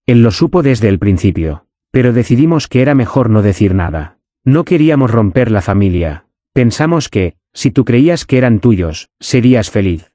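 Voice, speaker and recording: A tearful, guilt-ridden wife pleads her case, as a male narrator puts her on. The voice is low and mellow, recorded close and dry with no room sound. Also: very animated, moderate pace, no room sound, lightly acted. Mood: pleading. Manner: pleading, sobbing tone.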